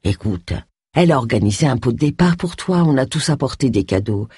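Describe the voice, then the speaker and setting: A low, steady man, as the narrator puts him on, measured and blunt. He speaks slowly and keeps his tone level. The husky timbre fits a storybook read close to a dry mic. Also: no echo. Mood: reproachful. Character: calm male colleague, steady and blunt.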